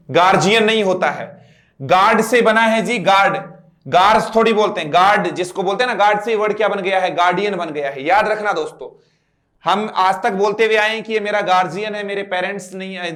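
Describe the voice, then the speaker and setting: A man's voice: sits high, a little fast, fairly bright tone. A man with an Indian accent teaching an English grammar lesson, explaining step by step, asking his students questions and spelling words out letter by letter.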